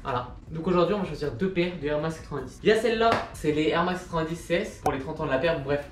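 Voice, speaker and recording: A man's voice: fairly high pitch, lively intonation, fast. A man in his twenties vlogging casually about sneakers, rambling and joking at his own expense. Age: 20s. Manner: rambling, chatty, self-mocking asides. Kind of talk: casual vlog chat. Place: indoor room with a machine running. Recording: echoey room recording. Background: machine noise and soft music.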